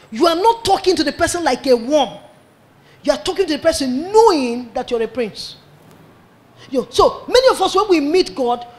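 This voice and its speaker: A Nigerian-accented male preacher with a strikingly high voice. He preaches with energy and acts out little scenes as he goes. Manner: animated, acts out dialogue in pidgin. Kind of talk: sermon.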